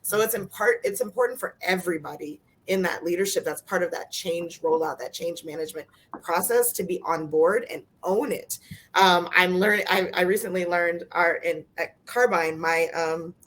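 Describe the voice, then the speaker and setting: A woman speaking earnestly as a panelist in a casual discussion, plain-spoken and quick to laugh. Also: lowish voice, fairly bright tone.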